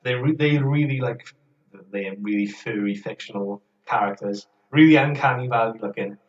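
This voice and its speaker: A man's voice: mid-range voice, moderate pace. A man co-hosting a podcast, chatting casually and rambling with hesitant restarts. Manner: rambling, hesitant, laughs often. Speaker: podcast co-host. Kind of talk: casual chat. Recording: roomy, distant, dull lo-fi sound.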